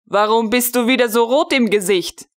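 A woman's voice: on the high side, normal speed, lightly acted. A woman reading the lines of a strict, pedantic male army captain in an audiobook, stiffly reciting rules. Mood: stern.

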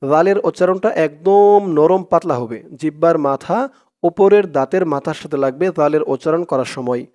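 With a Bangladeshi accent, a man teaches Quran recitation step by step, spelling out each letter and vowel and then reciting the words slowly and drawn out. His voice is fairly high with a darkish tone.

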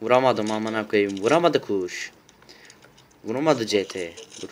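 A man giving loud, excitable commentary while playing a shooter game at home, often shouting and swearing at his teammates. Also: on the low side, unhurried. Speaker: gaming YouTuber.

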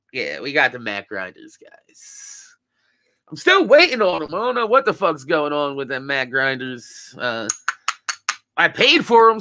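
A man's voice: fairly high pitch, sharp tone, no room sound. A young man with a groggy morning voice, chatting casually to his live-stream viewers in a laid-back, rambling way with plenty of swearing. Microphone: desk mic.

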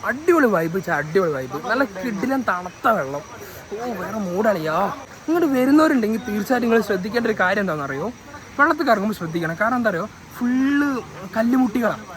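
Male vlogger, high voice, Malabar Malayalam accent mixed with English words, casual chat, noisy outdoor audio. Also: very animated, quick pace. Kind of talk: casual travel vlog chat.

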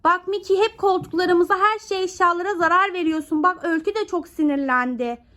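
A woman's voice: very high voice, fairly quick. A woman vlogger playfully scolding and questioning a child, firing question after question. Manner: mock-scolding, questioning, animated.

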